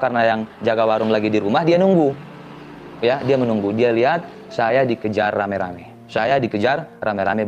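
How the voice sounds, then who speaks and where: A man's voice: mid-range voice, highs cut off. A man earnestly recounting his own account in first person, detailed and insistent on the facts. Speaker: person giving a clarification.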